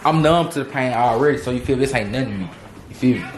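A man's voice: medium pitch, fast talker, heavy background noise. A man chatting casually and boastfully in heavy slang, cursing and repeating his phrases. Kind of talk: casual, boastful chat to camera. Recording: echoey room with other voices around.

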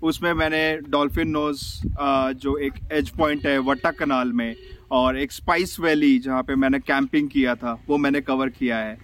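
At an outdoor hillside viewpoint, an Indian-accented travel vlogger talks casually to his phone camera, switching informally between Hindi and English with real enthusiasm. His voice is medium-pitched, steady and fairly bright, at a normal speed.

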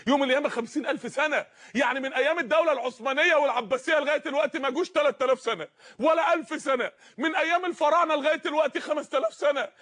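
Egyptian preacher, man, very high voice, rapid exhorting delivery. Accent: Egyptian Arabic. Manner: impassioned, exhorting, repeats phrases, at times shouting. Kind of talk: sermon.

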